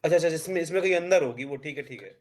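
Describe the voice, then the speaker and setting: A man joining a live coding class as a student, asking questions and quickly agreeing with the answers. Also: a little high, darkish tone.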